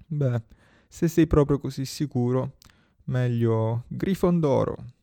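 A man voicing an ancient, shrewd magic talking hat, speaking slowly and probingly. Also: medium pitch, level tone, vocal fry, dark tone, no room sound, clean studio sound. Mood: musing. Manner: slow, musing, probing.

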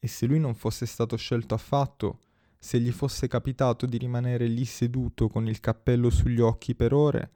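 Gravelly dark-toned male storyteller. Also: mid-range voice, dry recording, clean studio sound. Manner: steady, measured reading. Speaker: audiobook narrator. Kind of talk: scripted story narration.

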